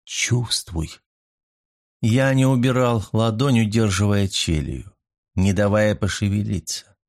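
Man narrating a novel in a hushed voice. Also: mid-range voice. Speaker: audiobook narrator. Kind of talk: first-person novel narration.

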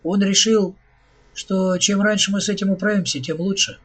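Man putting on a high, cheerful robot servant. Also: steady tone, normal speed, fairly bright tone, breathy edge.

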